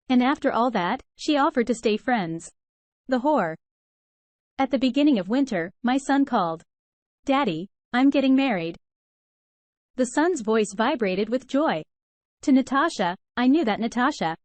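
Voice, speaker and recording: Woman narrator reading a story, higher-ish voice, dry close sound, steady and even. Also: dry recording. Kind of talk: first-person scripted story narration.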